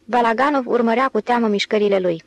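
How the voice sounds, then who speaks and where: A woman narrates an audiobook in a steady, even voice that sits a little high. The recording is dry and close, with no room sound. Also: no room sound, poor audio. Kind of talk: scripted narration.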